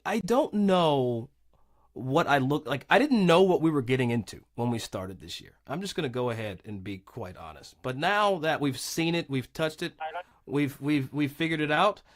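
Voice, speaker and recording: A man hosting a live golf tour broadcast, energetic and folksy as he lays out the day's storylines. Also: mid-range voice. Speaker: host.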